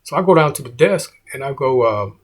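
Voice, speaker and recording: A man's voice: medium pitch, lively intonation, a little fast, breathy edge. A middle-aged man, a comedian, telling a story in a laid-back way and saying "man" often.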